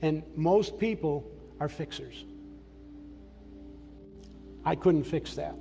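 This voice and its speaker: An older Massachusetts man preaches from the stage of a large church sanctuary, offering earnest, plainspoken personal testimony. His voice is fairly high and has vocal fry, and he takes his time. A long hall reverb and soft background music color the recording.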